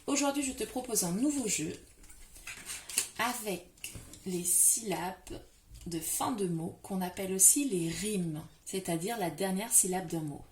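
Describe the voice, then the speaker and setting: A woman's voice: mid-range voice, animated, moderate pace, hardly any pauses, darkish tone, slight background noise. A woman teaching a phonics lesson to young children. She stretches and stresses the final syllables of words. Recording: echoey room.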